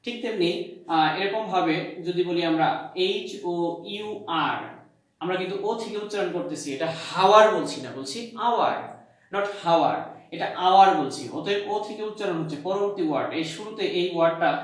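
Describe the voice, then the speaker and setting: A male college English lecturer from Bangladesh teaching a grammar lesson. He asks the class questions, answers them himself, repeats key points and fills pauses with "uh". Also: sits high. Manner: hesitant, many "uh" fillers. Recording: very echoey room.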